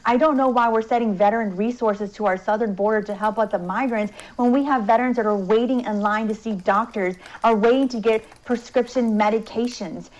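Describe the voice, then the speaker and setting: Woman candidate firing off talking points, muffled lo-fi remote audio. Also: on the high side. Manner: repetitive talking points, fast bursts. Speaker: congressional candidate, guest. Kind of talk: political interview answers.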